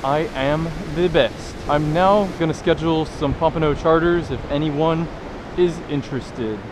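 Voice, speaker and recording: Young man, fishing vlogger, excitable, joking, raised voice, beach wind and waves. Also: a little high, measured pace. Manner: excitable, joking, talks to viewers. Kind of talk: casual excited vlog commentary. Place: beach by the surf, outdoors. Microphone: action camera. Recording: wind and surf noise.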